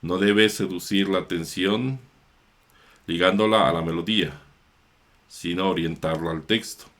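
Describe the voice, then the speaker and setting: Male priest-teacher, low-pitched, measured, unhurried, pausing to correct himself. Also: fairly bright tone. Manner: slow, measured, with small self-corrections. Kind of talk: explanatory chant lesson.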